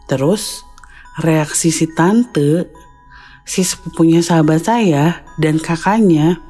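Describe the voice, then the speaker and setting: A woman podcast host telling a first-person ghost story, jumping into a high, worked-up voice when she acts out her own lines. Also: takes it slowly. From Indonesia. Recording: soft music behind.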